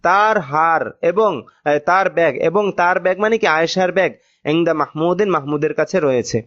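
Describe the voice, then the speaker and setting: A man with a Bangladeshi accent teaching Arabic grammar, patiently reading sentences slowly and then translating them. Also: on the high side. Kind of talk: recorded online lesson. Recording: dull lo-fi recording.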